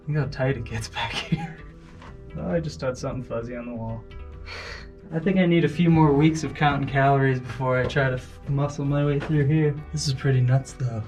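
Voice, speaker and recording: A man's voice: medium pitch, moderate pace, darkish tone. Casual man vlogging over background music. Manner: exclamatory, slangy, joking. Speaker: vlog host. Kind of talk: casual exploring vlog chat.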